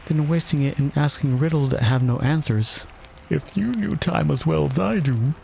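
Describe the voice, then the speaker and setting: A man's voice: fairly high pitch, moderate pace, gravelly, dark tone, slight background noise, voice pushed up. A man voicing an eccentric storybook hatter, contemptuous and pedantic, with a mournful streak. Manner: haughty, pedantic, plaintive.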